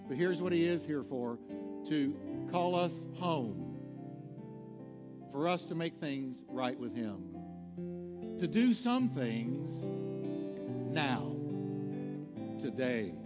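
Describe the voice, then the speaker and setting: Drawing out his words between long pauses, a preacher with a mid-range voice swings widely in pitch. He delivers an earnest, exhorting sermon with an altar call, pressing points through short, emphatic repetition. The hall rings with long reverb while music plays.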